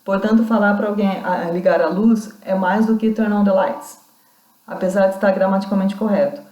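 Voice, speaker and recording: A woman lecturer talks through a recorded class with a warm, mellow voice. She explains carefully and often restarts her sentences. The room around her sounds echoey. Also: mid-range voice, normal speed. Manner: explanatory, reads out quoted accounts, many restarts. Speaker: university lecturer.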